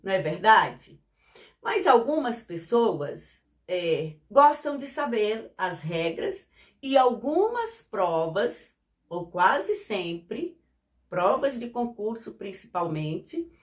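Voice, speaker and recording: A woman teaching a lesson at a slow, unhurried pace. She speaks patiently, repeats her examples and keeps checking that her listeners follow. Her pitch sits in the middle range for a woman. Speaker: Portuguese teacher. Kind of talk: classroom explanation.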